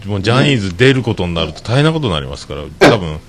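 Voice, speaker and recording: Chatty laughing man, low voice. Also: very fast, slight background noise. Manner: chatty, laughs often, lively. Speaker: podcast co-host. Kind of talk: casual chat.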